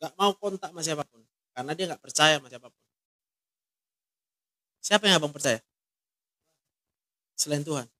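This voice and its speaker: A man's voice: a little high, moderate pace, long pauses, bright, forceful tone, no room sound. A man, counseling someone one-on-one and asking many short, direct questions. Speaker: counselor in a ministry.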